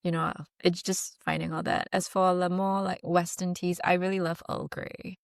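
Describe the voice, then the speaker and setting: A woman from Singapore, a fantasy novelist, chats informally as an interview guest, peppering her talk with "like" and "you know." Her voice is fairly low and flat with vocal fry, at a normal speed, recorded cleanly in a studio with no echo.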